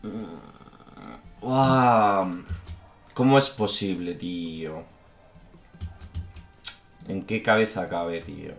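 A man with a Spanish accent from Spain, commentating a strategy game with a fairly low voice. He swears often and complains in a fed-up way. The recording has a noticeable room echo with faint music behind it. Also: very slow, long pauses. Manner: frustrated, swears a lot, says "tío". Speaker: gaming YouTuber. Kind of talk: gameplay commentary.

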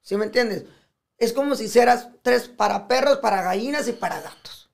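A man with a Mexican accent talking as a podcast guest in casual conversation, animated and profane, often acting out what others say. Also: very high-pitched, normal speed, creaky. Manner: animated, profane, acts out quoted speech.

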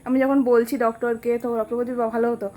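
A woman's voice: a little high, level tone, fast, a little mellow. A young woman, chatting casually and animatedly in a personal vlog, with many fillers and restarts. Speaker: vlogger.

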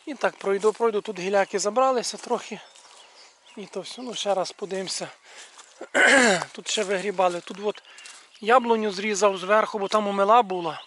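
A man with a fairly high voice ambles around his rural yard and garden, talking casually to the viewers. He keeps pointing things out as he walks. Faint birdsong and outdoor sounds carry softly behind him. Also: slight background noise. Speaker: video blogger showing his village yard. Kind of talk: casual walk-and-talk video commentary.

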